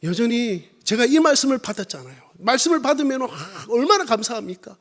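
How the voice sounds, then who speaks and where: A missionary preacher with a Busan accent and a strikingly high voice for a man. He drives his sermon with emphatic rhetorical questions and calls out hallelujahs as he builds. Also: sing-song, fairly quick. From Korea.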